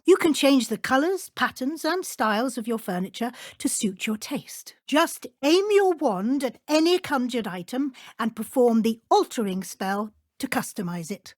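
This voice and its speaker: A brisk, kindly witch professor in middle age , acted by a woman for a fantasy video game. Her British voice sits a little high. She speaks in precise, formal, instructive phrases, recorded very dry with no room sound. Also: dry recording, natural voice.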